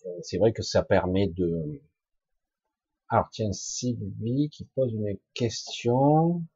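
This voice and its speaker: A man with a husky, rough voice giving an informal spiritual talk to online listeners, halting yet emphatic, in colloquial, earthy wording. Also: on the low side, expressive, dark tone, no echo, lo-fi sound. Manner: halting and emphatic, with colloquial swearing and sound-effect words. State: coughing now and then. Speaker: spiritual teacher answering listeners' questions live.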